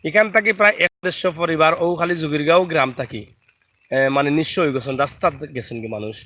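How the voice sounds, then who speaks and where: A man's voice: on the high side, very animated, fast talker, sharp tone. A man with a Sylheti accent chatting live to viewers from a riverside village, greeting them by name. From Bangladesh. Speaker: vlogger. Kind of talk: live video chat while filming outdoors.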